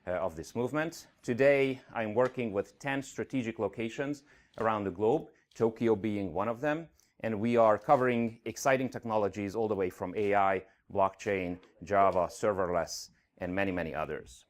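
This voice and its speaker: A middle-aged man from Hungary gives an earnest talk on a conference stage, speaking with a slight Hungarian accent and frequent fillers. His voice runs on the low side, and he speaks at a moderate pace.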